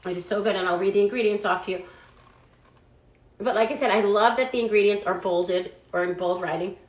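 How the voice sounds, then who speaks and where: A woman's voice: mid-range voice, fairly quick, highs cut off. A woman giving a casual, chatty review of food products she likes, often padding her talk with "like" and "um". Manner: chatty, fillers of "like" and "um". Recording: roomy echo.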